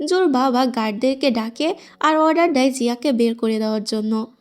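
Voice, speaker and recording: A woman narrating a drama recap as a story, reading the characters' lines in her own voice with brisk storytelling. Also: a little high. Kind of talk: scripted story narration with quoted dialogue. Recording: faint background music.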